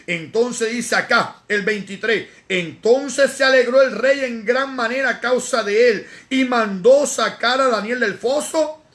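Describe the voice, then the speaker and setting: A man teaching a lively Bible study as an evangelist, mixing slangy asides into dramatic scripture reading. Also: very high voice, measured pace.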